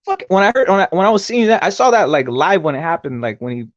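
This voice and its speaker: A man with a slightly high voice talks very fast in a brash, frat-bro way, swearing heavily. He sounds like a casual livestream host, on dull, lo-fi audio with little room sound. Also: sing-song, no room sound. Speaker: host of a boxing talk show. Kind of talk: casual profane live panel chat.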